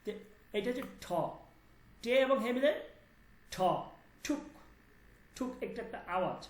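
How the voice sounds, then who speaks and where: Slow, patient male language teacher. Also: very high voice. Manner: patient, drills sounds by repeating them and keeps checking understanding. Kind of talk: online language class. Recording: roomy echo.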